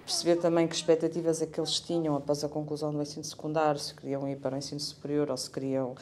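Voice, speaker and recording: A woman researcher with a European Portuguese accent, explaining her project in a measured way. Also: low voice, level tone, a little mellow. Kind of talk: explanatory interview.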